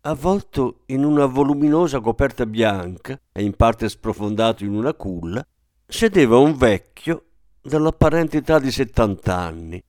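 Expressive male storybook narrator. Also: medium pitch, normal speed, dry recording. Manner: expressive storytelling with many voices. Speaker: audiobook narrator. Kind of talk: scripted narration. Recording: dry close studio sound.

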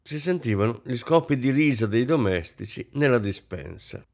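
Expressive man narrating a novel. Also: mid-range voice, normal speed. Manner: dramatic, varied reading. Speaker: audiobook reader.

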